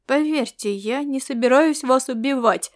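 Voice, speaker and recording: A woman voicing a young male ex-spy, low hushed delivery, curt, audiobook. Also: moderate pace, lightly acted. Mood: stern.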